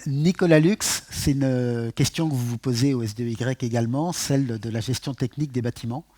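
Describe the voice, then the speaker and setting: Mellow-voiced man moderating a panel. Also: mid-range voice, normal speed. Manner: introducing speakers, posing questions, light humor. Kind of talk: round-table moderation.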